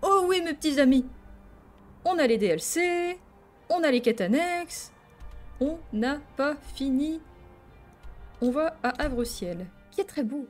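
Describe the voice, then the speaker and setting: A woman's voice: high-pitched, animated, measured pace, pauses often, darkish tone, soft background music. Playful, exclamation-filled woman streamer. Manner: playful, chatty, full of exclamations. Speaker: streamer playing a video game. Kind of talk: casual live-stream gaming commentary.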